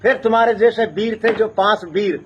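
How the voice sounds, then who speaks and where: A North Indian man with a rural Haryana-Rajasthan accent tells oral history as a traditional community storyteller, speaking emphatically and repeating phrases in a building chant. His voice sits high and moves at normal speed. The audio is dull, with a little hiss or hum.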